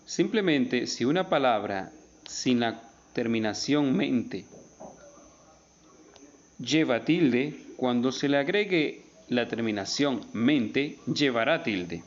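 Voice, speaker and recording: A male teacher explaining spelling rules in a recorded lesson, stretching out and stressing each example word slowly and emphatically. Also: mid-range voice, muffled recording.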